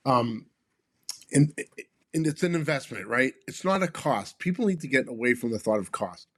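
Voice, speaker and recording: A man's voice: medium pitch, lively intonation, normal speed, no room sound. A man co-hosting a business podcast who explains his points emphatically and often ends them with "right?". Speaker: podcast co-host, consultant. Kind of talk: casual podcast conversation.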